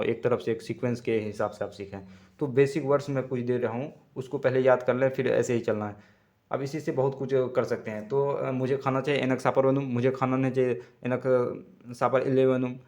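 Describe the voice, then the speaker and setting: Halting Hindi-speaking male tutor. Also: medium pitch, a little mellow. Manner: halting, self-correcting, repeats words slowly. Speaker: language teacher. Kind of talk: casual spoken lesson. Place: Tamil-speaking region.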